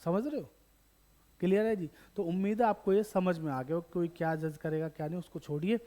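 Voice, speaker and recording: A man runs an online exam-prep accountancy lesson for school students in a high, steady, warm voice that moves a little fast. He asks questions and answers them himself, repeats key terms, and speaks straight to viewers, calling them children, beta and bachche.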